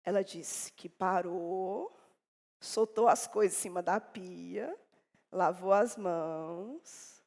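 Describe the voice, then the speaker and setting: A woman preacher giving a sermon in a church, telling a story dramatically and swinging between loud and hushed delivery. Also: fairly low pitch, very slow, vocal fry. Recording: echoey church hall.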